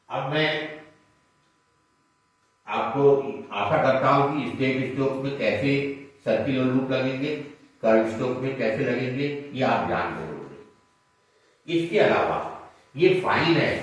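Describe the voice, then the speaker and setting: A man teaching shorthand, explaining each stroke patiently and step by step. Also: medium pitch. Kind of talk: classroom lesson at a board. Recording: echoey room, mic far off.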